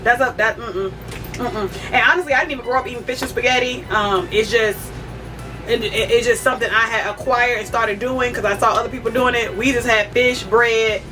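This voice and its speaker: A woman's voice: a little high, fairly quick, music in the background. A woman, talking casually to viewers in her cooking vlog, chatty and full of fillers. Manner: chatty, talks straight to viewers as "y'all", with fillers. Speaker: cooking vlogger.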